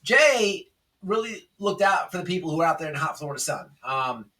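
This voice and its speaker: Heard from a distant mic, a male host riffs on drama in a casual, improvised way, brisk and very animated, with a slightly high voice and sharp tone. He stresses points emphatically, repeats himself, and keeps asking "okay?" and "right?" to check in with the listener.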